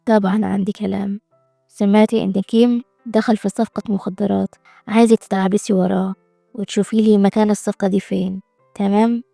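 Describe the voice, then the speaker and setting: A woman reads a cocky, jealous young heir who taunts and flares up, with an Egyptian Arabic accent. The voice is mellow and gravelly, slightly high, in a dry room. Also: level tone, fairly quick, no room sound, soft background music, natural voice. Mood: mocking. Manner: mocking, cocky. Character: jealous, hot-tempered rich young man.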